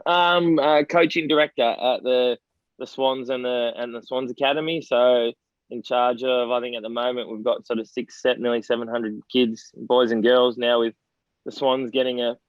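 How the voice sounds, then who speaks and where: A man's voice: medium pitch, steady tone, normal speed, no echo, dull audio. An Australian man in his forties, a former footballer telling rambling anecdotes in a casual podcast interview, often laughing as he talks.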